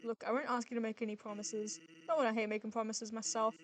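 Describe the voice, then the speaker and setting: A woman's voice: fairly high pitch, flat delivery, quick pace, lightly acted, poor audio. Sans, a woman reading as a shy skeleton monster. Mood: tender, confessional. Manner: soft, hesitant confession. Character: lazy, shy skeleton monster man in love.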